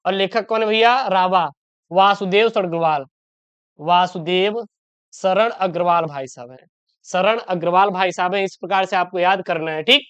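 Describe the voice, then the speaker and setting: A male teacher with a Hindi-speaking north Indian accent guides students through exam answers in a steady, reassuring way. His voice is smooth and clear, and it comes through a slightly dull, lo-fi recording. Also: high voice, normal speed. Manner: addresses students as beta, reassuring. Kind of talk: exam-prep lesson. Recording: dull lo-fi sound.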